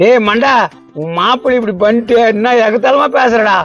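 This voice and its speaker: Comic dub: a man voicing a nosy neighbour guy, shrill and accusing. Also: normal speed, muffled recording, faint music behind. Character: meddling male neighbour.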